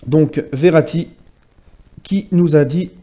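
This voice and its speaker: A man's voice: fairly high pitch, slow, mellow. A man recapping a week of football club news in a casual vlog, talking to his viewers as friends and using many fillers. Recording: home vlog.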